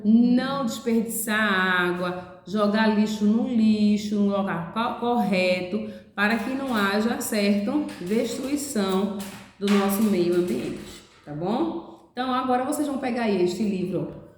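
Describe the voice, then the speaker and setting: A woman's voice: mid-range voice, a little slow, slight background noise. A woman teaching a class of young children, explaining each step patiently and checking often that they follow. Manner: patient, explains step by step, ends phrases with "certo?". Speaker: preschool teacher. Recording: echoey room.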